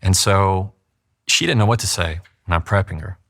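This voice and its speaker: A man's voice: deep voice, moderate pace, creaky, a bit bright. A man who works as a trial attorney explains in an interview how to speak with control, acting out examples and showing how pacing changes the way words land. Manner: acts out quoted voices, demonstrates pacing. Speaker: trial attorney and communication coach.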